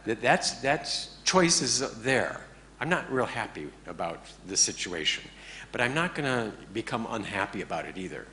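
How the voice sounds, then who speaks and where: Low-voiced man teaching with jokes. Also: sing-song, moderate pace, sharp tone, a little hiss or hum. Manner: joking, conversational, keeps checking in with the audience. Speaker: meditation teacher. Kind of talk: informal talk to a class.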